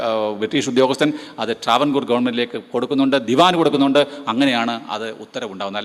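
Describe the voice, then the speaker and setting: Man, Malayali accent, lecturing, brisk delivery, emphatic, long hall reverb. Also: mid-range voice, a bit bright. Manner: emphatic, rhetorical questions to the audience. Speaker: guest lecturer. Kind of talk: lecture to seminary students.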